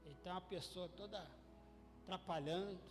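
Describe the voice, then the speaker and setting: A man with a Brazilian Portuguese accent preaching a church sermon, swinging between shouted peaks and hushed asides and repeating phrases for emphasis. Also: high voice, fairly even intonation, a little fast. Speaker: pastor. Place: church hall during a service. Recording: reverberant church hall with faint music.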